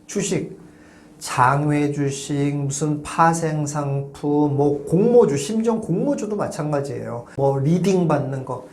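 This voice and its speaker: A man's voice: fairly high pitch, unhurried, a little mellow, reverberant, a little hiss or hum. A man hosting a real estate channel, giving emphatic advice to viewers and punctuating his points with short repeated refusals and fillers.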